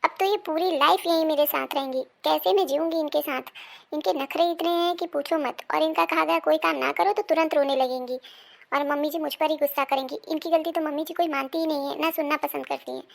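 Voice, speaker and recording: A woman's voice: high voice, fairly even intonation, a little fast, vocal fry. A woman playing an overworked young daughter-in-law who grumbles and defends herself in an amateur family drama. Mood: grumbling.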